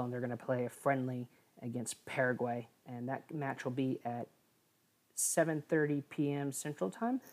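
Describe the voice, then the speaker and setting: A woman with a remarkably low, deep voice co-hosts a casual sports podcast. She rambles through the news roundup, pausing often on fillers and correcting herself as she goes. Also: mellow. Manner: rambling with frequent filler pauses and self-corrections. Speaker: podcast co-host.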